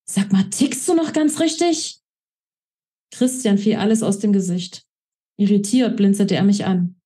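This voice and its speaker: Proud young woman in a fury, scolding in sharp bursts; a woman reads her in an audiobook-style reading. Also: mid-range voice, moderate pace, husky, lightly acted. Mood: angry.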